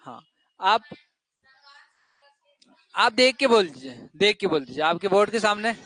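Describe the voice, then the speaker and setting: A man's voice: high-pitched, very animated, a little slow, pushed and bright. A male teacher giving a classroom lesson to children, asking questions and drilling the answers over and over.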